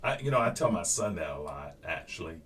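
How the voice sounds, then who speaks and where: A man's voice: low-pitched, very animated, brisk, crowd noise. A man hosting a casual live interview, easygoing and affirming. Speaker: host. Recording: distant mic with faint noise.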